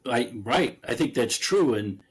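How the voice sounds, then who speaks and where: A man's voice: medium pitch, lively intonation, measured pace, husky. A man being interviewed as an author, talking in a chatty, loose way, often laughing and restarting his sentences. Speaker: author guest. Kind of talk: casual conversational interview.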